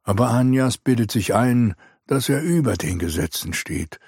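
A man's voice: medium pitch, expressive, moderate pace, a little mellow, husky, no echo, studio quality, voice pushed up. Vanion, a man voicing a weary old knight commander. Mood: grave. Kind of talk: audiobook character reading.

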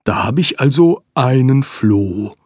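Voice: mid-range voice, lively intonation, takes it slowly, a little mellow, no echo, clean studio sound. A reader voicing Hubertus, a puzzled shelter dog. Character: gentle male shelter dog, bewildered. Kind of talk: storybook character voice.

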